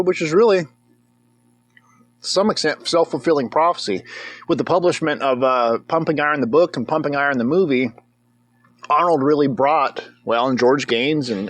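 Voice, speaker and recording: Man, movie reviewer, fairly high voice, joking rambling commentary, dry close sound. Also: no room sound. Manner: joking, rambling, whoops and cheers. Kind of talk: casual comedic commentary.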